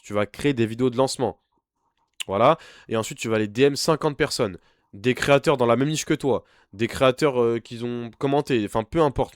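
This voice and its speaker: A man's voice: mid-range voice, no room sound, studio quality. A young man working as an online business coach gives an informal screen-share tutorial. He talks bluntly and pushily, straight at the viewer. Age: young adult.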